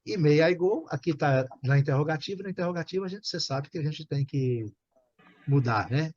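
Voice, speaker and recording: A man's voice: on the high side, a little fast, a little mellow, dull audio. Patient Brazilian male English teacher. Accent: Brazilian Portuguese. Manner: patient, repeats and checks understanding. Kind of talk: online English class.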